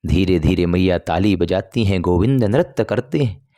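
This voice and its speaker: A man telling a devotional scripture story in a slow, emotive way. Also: sits low, animated, mellow, no echo, clean studio sound. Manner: slow, emotive, sung verse asides.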